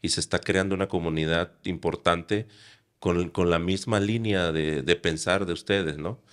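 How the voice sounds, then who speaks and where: Deep-voiced male podcast interviewer. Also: fairly even intonation, moderate pace, clear, resonant tone. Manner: reflective, prompts with tag questions. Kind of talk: interview questions.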